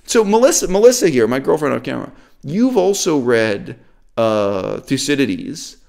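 A middle-aged man from Canada, hosting an opinionated discussion in an animated, emphatic and critical way. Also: mid-range voice, normal speed, creaky. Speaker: host.

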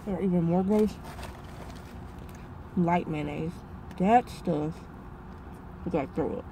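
A young woman talks to her viewers while chewing food, her words rambling and full of fillers. Her voice is low and very dark, with faint noise behind her. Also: takes it slowly, creaky, rough recording. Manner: rambling, filler-heavy, addresses viewers as y'all. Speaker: vlogger. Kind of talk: casual mukbang vlog chat.

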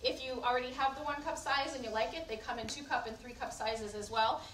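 A woman with a high, fairly bright voice speaks a little fast as she gives a live kitchenware cooking demonstration to a group in an indoor room at an event. She's chatty and instructive, often checking in with questions, and the recording sounds roomy, with a distant mic and faint background noise.

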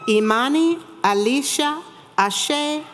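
On a large auditorium stage at a graduation, a woman serving as commencement announcer reads out graduates' names into a podium microphone, formal and emphatic. Her high-sitting voice is expressive and slow, with the crowd noise and ambience of a big ceremony behind her.

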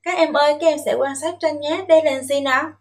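A woman from Vietnam teaching English to young children, modelling words slowly and emphatically for them to repeat and coaxing them with gentle questions. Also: high voice, steady tone. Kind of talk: bilingual classroom lesson with listen-and-repeat drills.

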